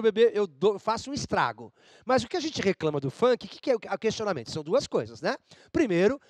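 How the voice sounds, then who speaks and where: A male Portuguese teacher giving a lively class lecture from Brazil, playful and talking straight to his students. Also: high voice, no echo. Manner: animated, playful, addresses students directly.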